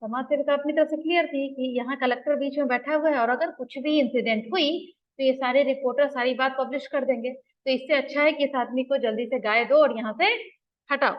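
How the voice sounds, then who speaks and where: A woman's voice: sits high, steady tone, fairly quick, lo-fi sound. A woman retelling and explaining a drama scene for students, moving between quoted dialogue and plain explanation. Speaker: teacher explaining a play.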